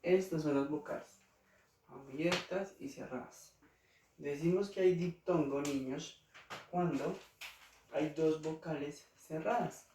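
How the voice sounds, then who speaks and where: A man's voice: on the high side, slow pace, darkish tone. A male teacher with a Colombian accent explaining spelling rules to children, patiently repeating each example word. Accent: Colombian Spanish. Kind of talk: slow classroom explanation to children. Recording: roomy, distant mic, faint noise.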